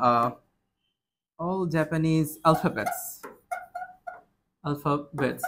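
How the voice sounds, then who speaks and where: A young man teaching an English grammar class, explaining step by step, mixing English words into his talk and often asking his students questions. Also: a little high.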